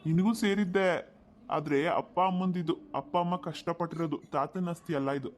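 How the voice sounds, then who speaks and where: A man's voice: fairly high pitch, fairly quick, a little hiss or hum, natural voice. A man voicing a stern elder brother in a cartoon, lecturing his sister about marriage. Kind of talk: cartoon voice acting.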